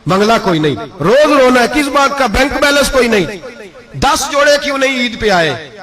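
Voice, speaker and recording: An impassioned male preacher tells a moral story. His fairly high voice swells to emphatic peaks as he presses each point home. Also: a bit bright. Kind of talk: emotive sermon storytelling.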